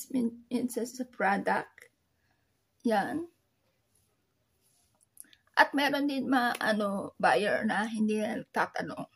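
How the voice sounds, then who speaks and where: Woman online seller, soft teary-sounding voice, slightly high and breathy, halting casual delivery. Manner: slow, halting, with many fillers. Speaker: online seller sharing tips. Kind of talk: casual vlog talk.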